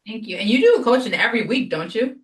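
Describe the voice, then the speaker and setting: A woman's voice: a little high, expressive, fast talker, far from the mic. A woman hosting an interview, reacting with enthusiasm and asking her guest short questions. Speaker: interviewer, host. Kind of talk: casual interview chat. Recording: roomy, off-mic.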